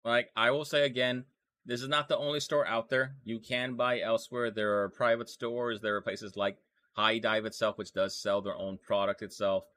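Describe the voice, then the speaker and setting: A man's voice: medium pitch, level tone, moderate pace, sharp tone, dry recording. A man hosting a casual anime news podcast, rambling with fillers and restarts as he talks. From Texas. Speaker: podcast host.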